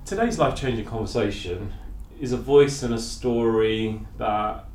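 A man hosting a podcast interview, speaking in slow, deliberate, emphatic phrases. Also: on the low side, a little mellow, roomy sound, faint music behind. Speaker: podcast host.

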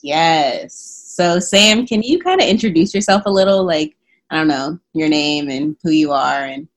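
A woman's voice: low-pitched, expressive, measured pace. Upbeat young woman hosting a podcast. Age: young adult. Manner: upbeat, giggly, informal. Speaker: podcast co-host. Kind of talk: casual chat.

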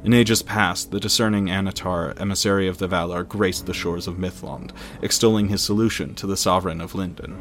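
A man's voice: sits low, fairly even intonation, fairly quick, few pauses, slight background noise. A man narrating a fantasy story in a solemn, dramatic scripted reading. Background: faint music.

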